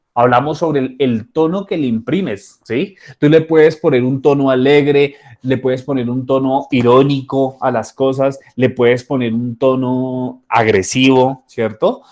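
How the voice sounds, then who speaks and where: A man giving a soft skills training talk, conversational and acting out short dialogues. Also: mid-range voice. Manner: conversational, acts out little dialogues with repeated fillers. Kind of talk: training lecture.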